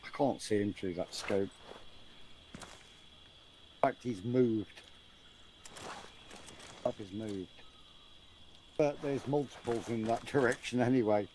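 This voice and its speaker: A man's voice: medium pitch, takes it slowly, pauses often, darkish tone, a little hiss or hum. A man playing in a military game squad, giving casual tactical callouts to his teammates. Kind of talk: casual tactical callouts during online gameplay.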